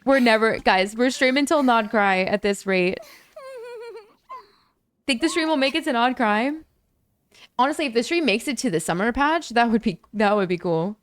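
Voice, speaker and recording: Chatting with viewers during a game stream, a young woman speaks at normal speed with long pauses, breaking into high excited squeals whenever donations come in. Hours of talking have left her voice a little lower and worn.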